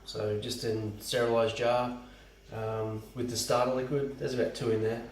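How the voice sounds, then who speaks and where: A man's voice: medium pitch, flat delivery, moderate pace, noisy background. Man, home brewer, casual how-to talk, rambling, far from the mic, echoey room. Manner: rambling, lots of ums and restarts. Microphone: camera from a distance. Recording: roomy and distant camera mic.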